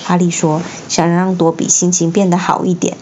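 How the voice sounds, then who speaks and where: A mother reading a bedtime story aloud at home, expressive, with the odd slip and restart. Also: lowish voice, moderate pace, highs cut off, a little hiss or hum. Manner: expressive, occasional slips and restarts. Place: home, indoors.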